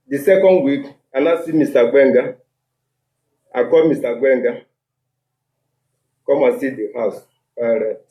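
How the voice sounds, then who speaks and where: In an echoey room, a man with a Nigerian accent speaks into a handheld microphone, mixing Nigerian Pidgin and English. His medium-pitched, warm voice lays out a tenant's grievance one step at a time.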